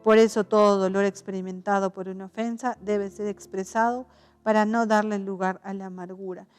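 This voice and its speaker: A woman's voice: medium pitch, steady tone, normal speed, a little mellow, clear, resonant tone. A woman pastor delivers a sermon in an easy, conversational way, restarting her sentences and tossing in little tag questions. She acts out the voices of the people she quotes. Faint music plays under her voice throughout.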